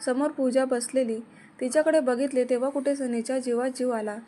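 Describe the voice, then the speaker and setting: A woman narrates a serialized love story in a steady reading voice. Her voice sits high, and there is a faint hiss behind her. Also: a little fast.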